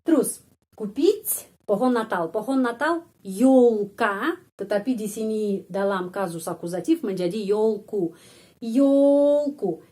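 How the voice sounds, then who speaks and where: Woman slowly modeling pronunciation as a teacher. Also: medium pitch, darkish tone. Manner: slow, deliberate, repeats words to model pronunciation. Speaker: Russian language teacher. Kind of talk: pronunciation lesson.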